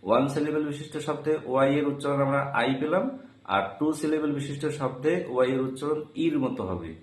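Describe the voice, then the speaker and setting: A man teaching an English pronunciation lesson in Bengali, spelling out each example word slowly and repeating it. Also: a little high, reverberant, poor audio. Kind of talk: video lesson.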